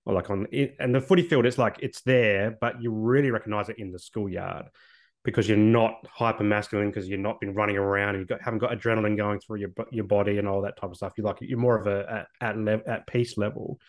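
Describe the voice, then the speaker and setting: Australian male guest, late 30s, low voice, earnest storyteller who restarts his phrases. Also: steady tone, quick pace. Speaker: podcast guest, social worker. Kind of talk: reflective personal storytelling.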